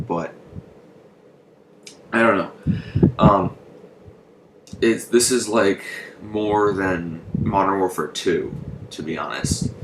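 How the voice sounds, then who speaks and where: A young man rambling through gameplay commentary, hesitant and full of ums and swearing, shivering from the cold in his room. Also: low-pitched. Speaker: gaming channel host. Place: bedroom with a fan running. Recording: echoey room with loud noise.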